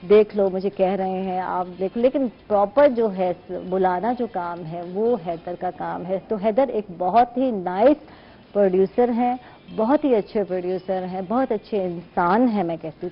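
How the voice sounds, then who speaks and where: A woman hosting a morning TV show in a relaxed, conversational way, her throat a little sore and her nose blocked. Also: mid-range voice. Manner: relaxed, conversational, drawn-out emphasis. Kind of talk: chatty talk to the viewers. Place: TV studio. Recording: dull lo-fi sound with faint noise.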